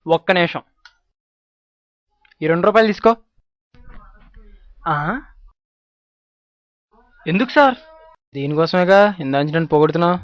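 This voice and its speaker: A man's voice: a little high, animated, normal speed, pauses often, no room sound, lo-fi sound. Man doing a spoof interview, dry sound. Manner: playful, mock-pompous banter. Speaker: comic performer playing both anchor and film star.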